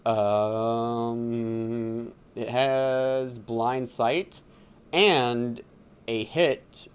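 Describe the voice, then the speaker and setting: A man's voice: mid-range voice, steady tone, extremely slow, clear, resonant tone. A man running a tabletop game as game master, talking casually with lots of fillers and laughs. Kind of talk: narrating a tabletop game on a livestream.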